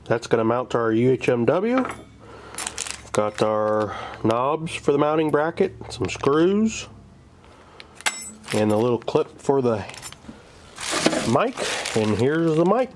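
Outdoors in a yard and inside a parked vehicle, a DIY vlog host talks into a handheld camera at arm's length, laying out a hands-on task in brief, plainspoken steps. He has a medium-pitched voice with lively intonation, speaking slowly and pausing often. Clear ambient noise is picked up by the camera.

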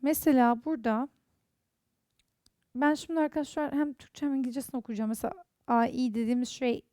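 A woman's voice: high-pitched, fairly even intonation, brisk, dark tone, no echo, clean studio sound. A woman with a Turkish accent teaching an online English lesson, carefully reading out example words one by one.

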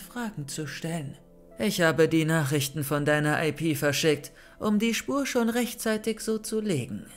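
A cold, mocking young woman villain from a horror audiobook, read by a man. She gloats in a fairly high voice over faint music.

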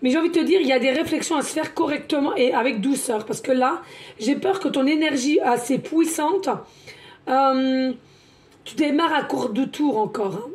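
A woman talks through a tarot card reading. She is chatty, repeats words and fills pauses as she goes. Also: sits high, a little mellow. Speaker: card reader, medium.

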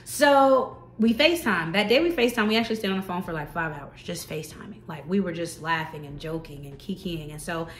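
A woman's voice: on the low side, brisk, few pauses. Chatty woman in her thirties, roomy echo. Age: 30s. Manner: animated, chatty, talks straight to viewers. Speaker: vlogger telling a personal story. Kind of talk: casual storytime vlog.

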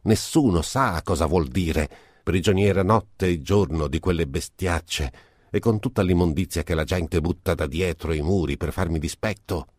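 A man voicing an old impoverished noblewoman with a high, slightly nasal, querulous voice. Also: normal speed, a little mellow, no room sound, studio quality. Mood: lamenting. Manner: querulous, self-pitying.

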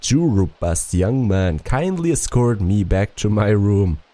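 A man's voice: on the low side, animated, unhurried, dark tone, no echo. A man reading a male traveler's diary aloud in an attempted French accent, stumbling over some words. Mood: earnest. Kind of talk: reading in-game text aloud.

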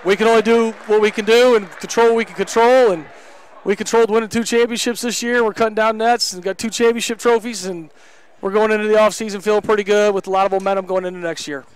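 Speaking fast in a clear, resonant voice that sits high and stays fairly even, this thirtysomething head basketball coach talks candidly after a game. He's on a headset mic in an indoor gym, emphatic and full of fillers, and the recording quality is rough.

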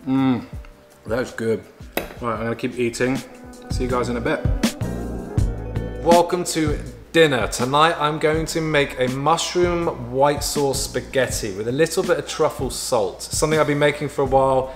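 A man's voice: medium pitch, moderate pace. Give me a chatty man walking through a recipe in his kitchen, with music underneath. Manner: chatty and jokey, playful asides. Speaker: home cook, vlog regular. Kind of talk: casual cooking walkthrough. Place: home kitchen. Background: background music.

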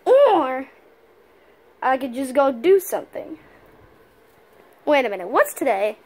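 A woman voices a goofy young boy puppy for a homemade fan cartoon play, making him high, bouncy, and heavily acted. He stammers and rambles in nervous bursts, his voice leaping all over the place, very animated yet slow and a little mellow.

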